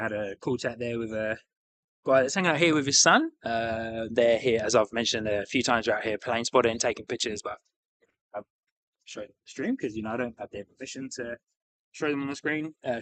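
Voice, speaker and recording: A man's voice: medium pitch, low-quality recording. A man with a broad New Zealand accent chatting casually as a livestream host, upbeat, matey and enthusiastic. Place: outdoors beside an airport.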